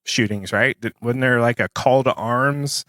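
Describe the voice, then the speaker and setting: A man co-hosting a podcast in casual conversation, sarcastic and animated. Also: mid-range voice, measured pace, dry recording, studio quality. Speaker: podcast co-host.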